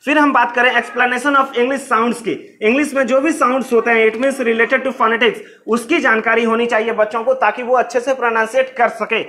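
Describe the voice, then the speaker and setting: A man's voice: very high-pitched, steady tone, moderate pace, few pauses, bright, forceful tone. A man teaching an exam-prep lecture on English teaching methods, explaining in Hindi mixed with English terms and repeating key phrases.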